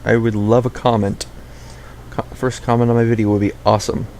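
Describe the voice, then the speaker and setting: A man's voice: mid-range voice, level tone, fairly quick, a little mellow, slight background noise. A young man giving casual, rambling gameplay commentary, often correcting himself mid-sentence. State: out of breath.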